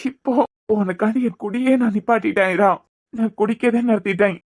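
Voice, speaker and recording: A woman voicing a grieving young father, a doctor, who pleads softly and sorrowfully with his frightened daughter in Kanyakumari Tamil. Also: mid-range voice, brisk, lightly acted. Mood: pleading. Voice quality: pleading, sorrowful, repeating the child's name. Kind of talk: cartoon voice acting.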